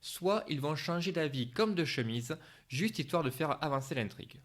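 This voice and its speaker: A man's voice: fairly high pitch, animated, normal speed, very noisy. A man reading a scripted film review as a voice-over narration.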